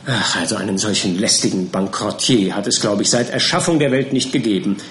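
A man reading an audiobook and voicing a brisk, sly male law clerk with a raised, brusque manner. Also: on the low side, fairly bright tone, a little hiss or hum, close to an everyday voice. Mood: irritable. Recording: roomy echo.

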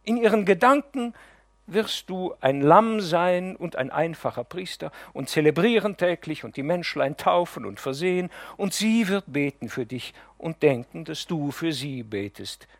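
A man's voice: on the high side, lively intonation, measured pace, gravelly, no room sound, voice pushed up, full character voice. A man as a wheedling, lying nephew. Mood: pleading. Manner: pleading, wheedling. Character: whining, deceitful middle-aged nephew, self-pitying.

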